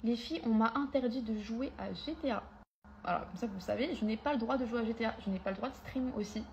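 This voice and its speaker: A woman's voice: fairly high pitch, quick pace, gravelly, a little mellow, highs cut off, a little hiss or hum. A young woman telling her viewers an emotional story, hurt and angry as she talks. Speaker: content creator.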